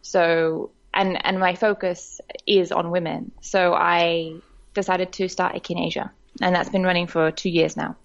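A woman talks in a podcast interview, recounting her path in an easy, chatty way with plenty of fillers. Her voice sits on the low side for a woman. The recording is somewhat dull and muffled. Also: flat delivery, measured pace, gravelly. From Australia. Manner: warm, chatty storytelling with frequent laughs and fillers. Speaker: guest, director of a women's network.

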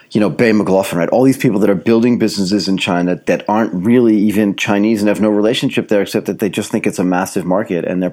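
Man, interview host, low-pitched, relaxed mellow tone, wordy conversational questioning. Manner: wordy, multi-part questions.

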